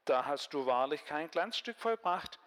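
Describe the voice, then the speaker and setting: A man voicing the young warrior David, calling out loudly and scolding across a distance, in a reverberant hall. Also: a little high, expressive, unhurried. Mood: reproachful call.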